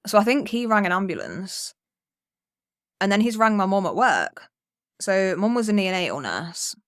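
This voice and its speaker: A woman's voice: medium pitch, very animated, normal speed, a bit bright, no echo, clean studio sound. A young woman telling a rambling childhood story on a podcast, swearing freely and acting out what people said. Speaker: podcast co-host. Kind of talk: casual storytelling.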